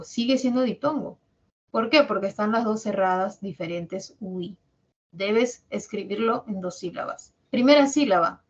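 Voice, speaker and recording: A woman from Peru with a Peruvian Spanish accent, a language teacher giving a classroom lecture and slowly sounding out example words syllable by syllable. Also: mid-range voice, husky, muffled recording. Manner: explains patiently, drawing out example words syllable by syllable.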